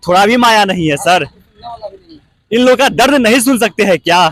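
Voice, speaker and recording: Impassioned high-voiced male street reporter. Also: animated, normal speed, fairly bright tone. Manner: rhetorical questions to politicians, pleading.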